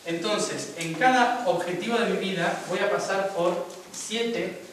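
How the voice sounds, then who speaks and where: A man's voice: high voice, measured pace, fairly bright tone, slight background noise. A young man, giving a spiritual talk to a live audience and explaining step by step while often checking in with his listeners. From Argentina. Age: young adult. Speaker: spiritual speaker. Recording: very echoey room, mic far off.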